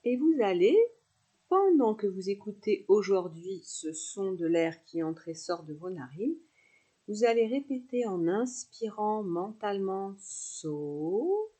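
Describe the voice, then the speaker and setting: In a mid-range, mellow and husky voice, a woman leads a relaxation meditation very slowly, pausing between her instructions. Her delivery is animated yet soothing and unhurried, fitting for a yoga nidra class.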